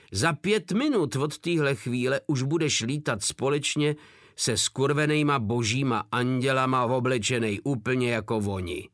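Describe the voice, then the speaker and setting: A man's voice: mid-range voice, fairly bright tone, no room sound, studio quality, natural voice. Drobeček, a man voicing a menacing brute soldier. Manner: coldly mocking, foul-mouthed. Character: huge crude menacing male soldier.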